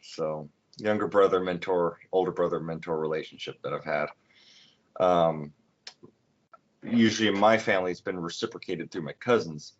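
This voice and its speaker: A man in his twenties hosting a casual podcast chat, talking in halting bursts with many restarts. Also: sits low, slight background noise. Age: 20s. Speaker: podcast host. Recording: dull lo-fi recording.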